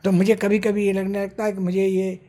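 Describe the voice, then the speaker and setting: A man in his nineties, a retired official and writer, speaks slowly and reflectively in an interview, with Urdu-flavored phrasing. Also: high voice, completely flat delivery, warm tone. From India. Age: 90s. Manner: slow, measured speech with Urdu phrasing, recites verse.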